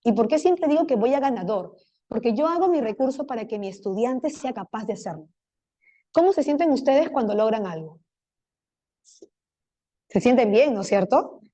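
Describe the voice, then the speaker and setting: A woman's voice: fairly high pitch, lively intonation, a little fast, dark tone. A woman giving a conference lecture to teachers. She keeps putting rhetorical questions to the audience and walks them through each step. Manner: talks teachers through steps. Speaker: lecturer on learning difficulties.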